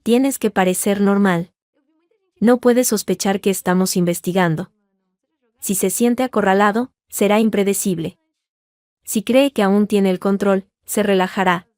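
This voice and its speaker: A woman voicing a calm, methodical male lawyer giving careful instructions in a read-aloud story. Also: high-pitched, no room sound, clean studio sound. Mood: earnest. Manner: measured, grave, instructive. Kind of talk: scripted narration.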